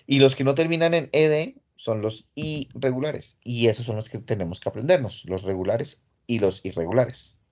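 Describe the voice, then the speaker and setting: A man walks his online class through English grammar rules. He talks in a patient, casual way, one step at a time. His voice sits in an ordinary middle pitch, heard through a computer mic. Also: moderate pace, hardly any pauses, a little mellow. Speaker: English teacher. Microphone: computer mic on a video call.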